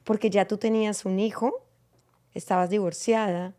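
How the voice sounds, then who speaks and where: Lady hosting a church talk panel, calm and thoughtful, asks her guests stuff. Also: mid-range voice. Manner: reflective, measured questions to guests. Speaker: podcast host.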